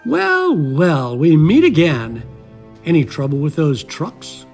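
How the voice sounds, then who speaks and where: A man doing a gravelly old steam engine. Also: a little high, wildly swooping pitch, slow, soft background music, full character voice. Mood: wry. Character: seasoned male steam engine, wry and helpful. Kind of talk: fan audio drama.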